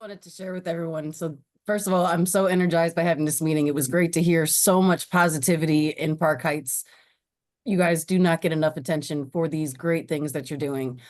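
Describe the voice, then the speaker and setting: A woman with a slightly low voice speaks up at a virtual community meeting. She talks with energy about outreach work and heaps praise on the group. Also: steady tone, fairly quick, a little mellow. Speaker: harm reduction worker, meeting attendee.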